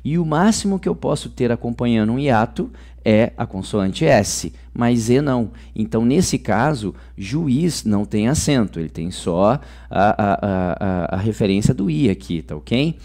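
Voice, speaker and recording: A man's voice: mid-range voice, animated, a little slow, hardly any pauses, a little mellow. A man with a Brazilian Portuguese accent teaching a grammar lesson online, chatty and informal, tagging sentences with "ok?". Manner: chatty, says "ok?" and "moçada" often.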